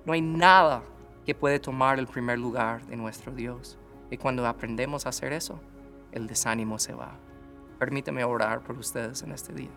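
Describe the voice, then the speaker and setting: A man preaching a sermon as pastor, talking directly to his listeners, swinging between fervent pleas and soft, quiet prayer. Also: medium pitch. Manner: impassioned, rising to loud pleas then dropping to soft prayer; conversational, direct address to listeners.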